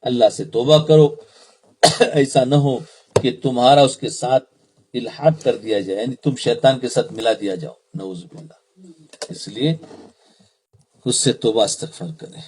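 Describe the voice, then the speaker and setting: A man's voice: medium pitch, pauses often, background noise. A man, an Islamic preacher, giving a sermon, repeating phrases and asking the audience questions.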